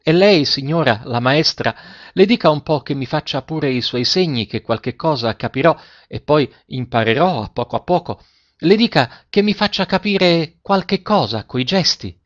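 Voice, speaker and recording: A trembling, exclamatory gardener father, pushed up in pitch and full of feeling, as a man voices him in a storybook reading. The recording sounds slightly muffled and lo-fi. He pleads and marvels in turn. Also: lively intonation, moderate pace, no echo, close to an everyday voice. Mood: overjoyed. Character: grieving, overjoyed middle-aged gardener father. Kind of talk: audiobook reading.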